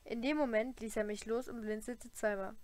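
A woman's voice: on the high side, steady tone, moderate pace, a little mellow. Woman reading an audiobook aloud. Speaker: audiobook reader. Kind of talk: first-person audiobook narration.

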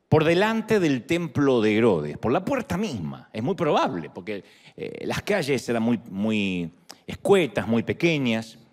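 Animated Argentine male preacher, middle-aged, lively pitch swings, slightly high. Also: long reverb tail. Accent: Argentine Spanish. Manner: animated, playful, rising to calls to the crowd. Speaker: pastor. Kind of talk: sermon.

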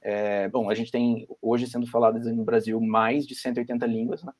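A man with a Brazilian Portuguese accent talks through ideas on a video-call panel. His voice sits at a middle pitch. He hesitates often, restarts his sentences and adds small tags as he goes. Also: flat delivery, moderate pace, a little mellow. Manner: thoughtful, many fillers and restarts. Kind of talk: academic panel discussion.

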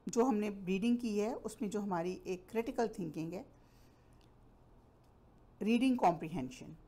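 A woman teacher giving a classroom-style lesson, spelling out words letter by letter and reading English sentences slowly and deliberately. She is from Pakistan. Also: medium pitch, mellow.

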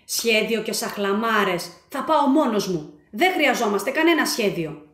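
A woman's voice: fairly high pitch, echoey room. A woman doing a boastful young octopus boy. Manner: loud, excited, boasting.

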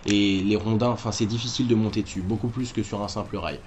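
A man's voice: lowish voice, fairly even intonation, fast, a little mellow, slight background noise. A man hosting a game walkthrough, talking casually and correcting himself as he explains moves to viewers. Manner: chatty, self-correcting, addresses viewers directly. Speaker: gaming walkthrough host.

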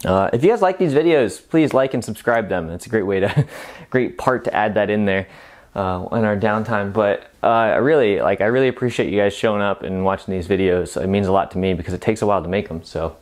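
A man in his thirties talking casually to camera as a fitness vlogger during a workout, informal and halting between efforts. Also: on the low side. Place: home gym room, indoors.

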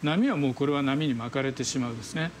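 A man's voice: mid-range voice, racing, a little hiss or hum. A middle-aged man, a researcher, explaining things in an indoor station, using fillers, recorded on a lapel mic. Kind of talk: expert explanation.

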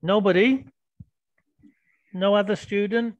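Slow-talking male teacher on a call. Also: high voice, dry recording. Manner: patient, prompting students with questions. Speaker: English teacher. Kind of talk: online class teaching. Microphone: video call. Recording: lo-fi video call audio.

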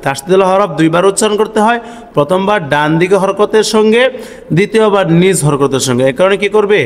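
A high-pitched man leads a careful recitation lesson, posing questions to himself and answering them at once. He slows down to chant each example word, and his voice trails off into a long reverb. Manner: explains slowly, asks and answers his own questions, chants sample words. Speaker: Quran reading teacher.

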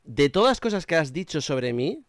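A man's voice: a little high, sing-song, moderate pace, no room sound, clean studio sound. A man in his forties hosting a live online debate, indignant and talking over the other speaker. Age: 40s. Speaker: YouTube channel host.

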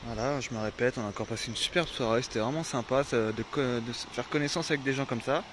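A man's voice: mid-range voice, fast talker, noisy background. A French man chatting casually in a vlog from a farm and his van, rambling with many fillers and restarts, groggy before his coffee. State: groggy, just woke up. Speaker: vlogger.

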